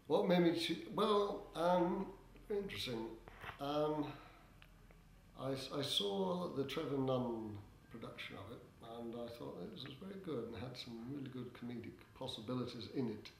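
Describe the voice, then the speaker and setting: An older man answering interview questions as a theatre director, in a hesitant, halting way with droll, tongue-in-cheek humour. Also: mid-range voice, lively intonation. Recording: echoey room with background noise.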